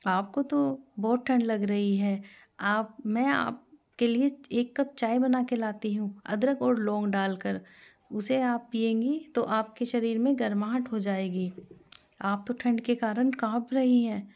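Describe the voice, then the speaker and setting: A woman voicing a gentle, patient young bride who speaks softly and kindly. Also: fairly high pitch, steady tone, measured pace.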